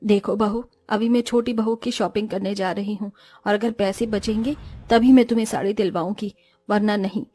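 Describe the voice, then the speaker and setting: A woman's voice: mid-range voice, steady tone, normal speed, mellow, dry recording, faint music behind, lightly acted. Woman playing a grumbling stingy mother-in-law. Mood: bossy. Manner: bossy, grumbling. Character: stingy scheming middle-aged mother-in-law.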